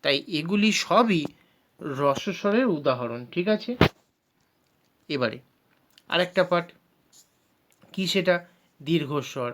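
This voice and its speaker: A man's voice: a little high, expressive, a bit bright, a little hiss or hum. A male teacher giving a patient grammar lesson. He drags out sounds as he demonstrates them, mixes English words into his speech and speaks of himself as "sir". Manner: patient explanatory, drawn-out sounds.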